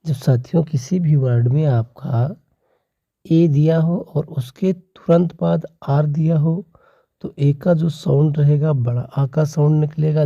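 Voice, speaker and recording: A teacher giving a slow spoken pronunciation lesson, reading out word lists one word at a time and addressing viewers as companions. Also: mid-range voice, creaky, mellow, dry recording, lo-fi sound.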